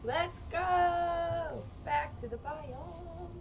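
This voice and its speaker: Female streamer, high voice, excitable and chatty; noisy home recording. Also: extremely slow. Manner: chatty, laughs often, excitable. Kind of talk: casual gaming stream chat. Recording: noisy background.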